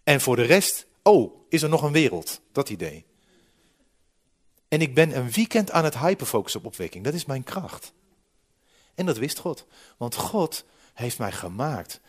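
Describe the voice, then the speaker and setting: Lively humorous preacher in his forties. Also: medium pitch, normal speed, pauses often, husky. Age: 40s. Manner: lively, humorous, swings from loud to quiet. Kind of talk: sermon with slides.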